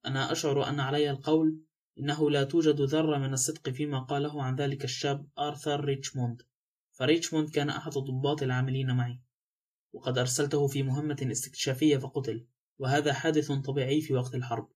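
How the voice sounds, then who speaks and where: A man's voice: mid-range voice, level tone, quick pace, a little mellow, natural voice. A man voicing an elderly, proud and shaken army general in an audiobook. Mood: indignant. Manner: stiff, indignant declarations.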